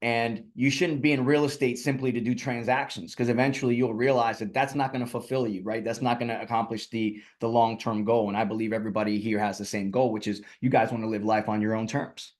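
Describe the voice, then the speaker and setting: Mężczyzna z Portoryko, porywający mówca. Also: male voice, medium pitch, fairly even intonation, a little fast, hardly any pauses. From Puerto Rico. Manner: rallying, conversational, with many fillers. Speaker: guest speaker, real estate team leader. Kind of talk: energetic motivational presentation.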